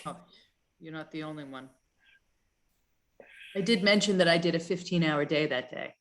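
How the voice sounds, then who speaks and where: Low-voiced woman reading regulations in a meeting. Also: moderate pace. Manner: thoughtful and hesitant, many fillers and restarts. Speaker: town planning staff leading a commission review.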